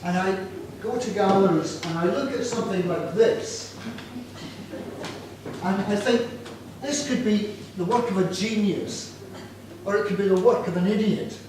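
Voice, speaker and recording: Presenting his own artwork, a chatty Scotsman in his sixties pokes fun at himself and quizzes the students he's speaking to informally about his drawing. His voice sits high at a measured pace, recorded from a distant mic in an echoey room with background noise.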